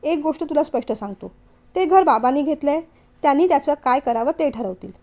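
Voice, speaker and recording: A woman's voice: high-pitched, expressive, a little fast, darkish tone. A woman reading a young man's lines in a family novel, firm and earnest. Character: young man, firm devoted son, steady.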